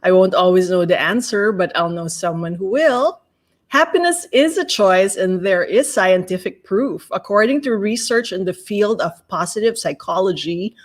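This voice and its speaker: An upbeat woman host with a mid-pitched voice. She opens the show with a scripted intro and then leads the interview. While her guest talks, she keeps cutting in with short affirming replies. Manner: upbeat, frequent affirming "right".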